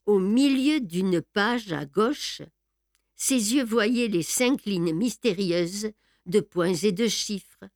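Woman narrating a novel, steady slow reading, dry sound. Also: mid-range voice, no echo. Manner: even, measured reading.

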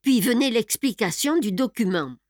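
A woman narrating a novel as an audiobook, in an even, measured reading. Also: fairly high pitch, dry recording, clean studio sound.

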